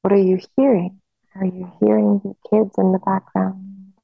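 A woman guiding a hypnosis relaxation in a slow, soothing hypnotist manner with long pauses, on a narrow phone-like recording. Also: medium pitch, flat delivery, vocal fry, no room sound.

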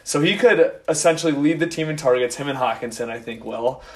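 A man co-hosting a casual fantasy football podcast, building his points slowly with many hesitations. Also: fairly high pitch, a little mellow. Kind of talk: casual chat.

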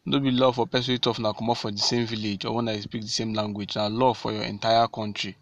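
A man's voice: fairly low pitch, little pitch movement, fast, a bit bright, no echo. A man with a Nigerian accent speaking directly to fellow citizens in a civic talk, repeating key phrases and answering his own questions.

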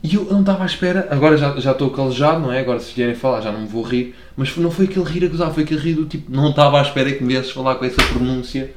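A man's voice: mid-range voice, very fast, few pauses, echoey room, slight background noise. A young man from Lisbon with a Lisbon Portuguese accent, chatting on his own podcast in a rambling, slangy, self-deprecating way and swearing freely. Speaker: podcast host. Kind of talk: casual solo podcast monologue. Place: room at home by a window.

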